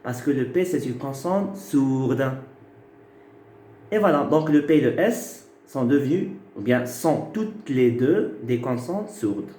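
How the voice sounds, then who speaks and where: Slow, patient male teacher in echoey room. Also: medium pitch, expressive, dark tone. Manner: slow, patient, repeats key words. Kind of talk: phonetics lecture. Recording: echoey room with faint noise.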